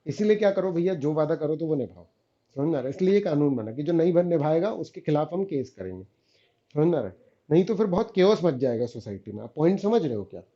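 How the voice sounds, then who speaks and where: A man's voice: on the high side, animated, quick pace, dark tone, muffled recording. A man teaching a revision lecture, often stopping to ask the students whether they follow and calling them beta and guys.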